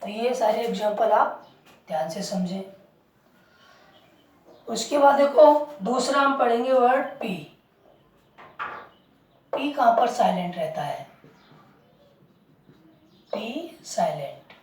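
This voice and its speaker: Slow, mellow-voiced woman teacher, roomy sound. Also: on the high side, expressive. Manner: slow, repeats words and asks the class questions. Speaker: English teacher. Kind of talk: classroom lesson. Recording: roomy, distant mic.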